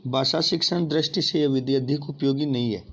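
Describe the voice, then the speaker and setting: A man's voice: medium pitch, a little fast, a bit bright. Hindi-speaking male teacher, lo-fi audio. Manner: addresses listeners as friends, asks and answers his own questions. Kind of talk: exam-prep lecture. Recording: dull lo-fi audio with faint noise.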